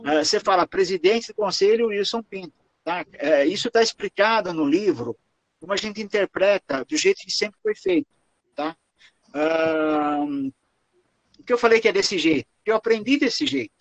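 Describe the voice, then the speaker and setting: High-voiced Brazilian man lecturing. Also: lively intonation, normal speed, dry recording, rough recording. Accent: Brazilian Portuguese. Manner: explanatory, ends phrases with "tá?" and "né?". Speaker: lecturer on Lions Club protocol. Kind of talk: lecture answering audience questions.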